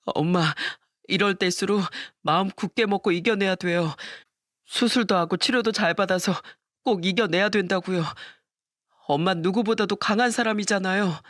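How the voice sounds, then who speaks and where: A woman's voice: mid-range voice, normal speed, no room sound, studio quality, lightly acted. Woman doing an exasperated grown son. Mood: tearful encouraging. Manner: raised, exasperated. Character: indignant adult son, a husband.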